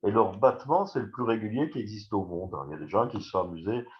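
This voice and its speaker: Lecturer, male, lowish voice, relaxed chatty delivery with restarts, dull webinar sound. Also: fast. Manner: conversational, many fillers and restarts, addresses listeners directly. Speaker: neurologist giving a webinar talk. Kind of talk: informal lecture.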